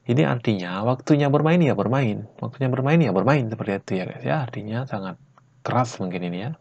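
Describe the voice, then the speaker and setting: Guy from bali teaching slang, repeats stuff slow then fast, kinda husky, muffled home mic. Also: medium pitch, animated, a little mellow. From Bali, Indonesia. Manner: repeats each phrase slowly, then at normal speed; chatty, ends lines with "guys, ya". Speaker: Japanese language teacher. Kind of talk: casual vlog-style lesson.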